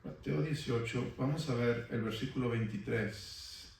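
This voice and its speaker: A man's voice: mid-range voice, unhurried, gravelly, darkish tone. A male pastor preaching a sermon in a church, asking the congregation questions for them to answer back. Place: church sanctuary. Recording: echoey church from far off.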